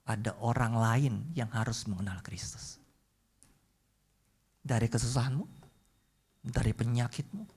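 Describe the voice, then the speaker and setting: A woman preaching a sermon, speaking straight to the congregation and telling a story that swings between hushed, quiet passages and loud, excited ones. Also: low voice, husky.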